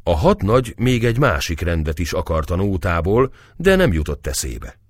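A man's voice: low voice, big pitch swings, no echo, clean studio sound. A man narrating a historical novel as an audiobook, lifting his voice for the characters' lines. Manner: acts out the dialogue with raised voice.

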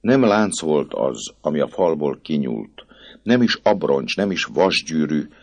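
A man narrating a dramatic story in an expressive audiobook reading. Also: extremely low pitch. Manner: expressive, rising and falling with the drama.

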